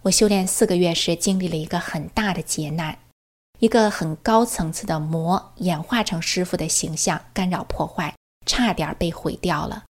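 A religious practitioner, a woman, gives an earnest personal testimony, telling her story and quoting what others said to her. Her voice is fairly low, at normal speed.

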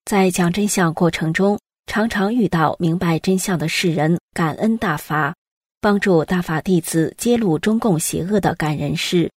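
Low-pitched woman reading reports, dry sound. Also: moderate pace, slightly rough, no room sound. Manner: even, storytelling read-aloud delivery. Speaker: news reader. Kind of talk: scripted news narration.

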